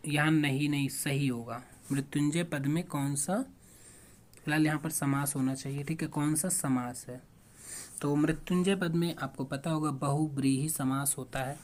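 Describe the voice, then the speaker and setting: A teacher talks through past exam questions one by one, at a middle pitch. The delivery is a plain lecture: a question posed aloud, then its answer. Fillers and quick self-corrections run throughout. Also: fairly even intonation, darkish tone. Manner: explains step by step, asks questions then answers them.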